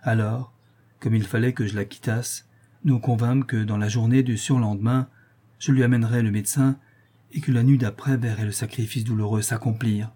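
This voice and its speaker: A man narrating an audiobook of a classic novel in a measured storytelling voice. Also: mid-range voice, steady tone, warm tone, husky.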